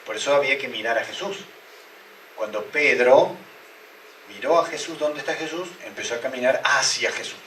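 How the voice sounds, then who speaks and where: A male pastor preaches in a roomy church hall, and his voice reaches the mic from a little way off. His tone is bright and forceful, and he keeps asking the congregation rhetorical questions. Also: medium pitch, normal speed, recorded from a distance, a little hiss or hum. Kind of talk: sermon.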